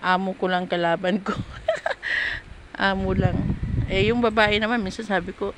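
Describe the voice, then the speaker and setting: A woman's voice: mid-range voice, fairly even intonation, unhurried, heavy background noise. A woman vlogger chatting candidly about her work as a household helper, rambling and restarting as she tells her story. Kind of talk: casual chat.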